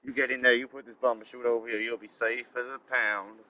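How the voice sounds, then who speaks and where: An actor playing a scruffy, eccentric drifter who rambles and drawls in a character comedy outdoors. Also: male voice, medium pitch, level tone, fast talker, no room sound, highs cut off, natural voice. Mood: rambling. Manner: rambling, drawling, calls everyone "boy".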